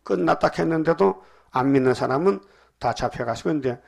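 A man preaching a sermon, with sudden emphatic bursts between calmer stretches and frequent pauses to fill. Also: fairly high pitch, creaky. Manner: preaches with rising emphatic bursts and many "어" fillers. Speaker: pastor.

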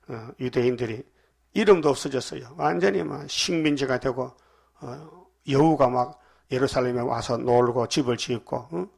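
A man preaching a sermon, with sudden emphatic bursts between calmer stretches and frequent pauses to fill. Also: mid-range voice, creaky, husky. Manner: preaches with rising emphatic bursts and many "어" fillers. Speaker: pastor.

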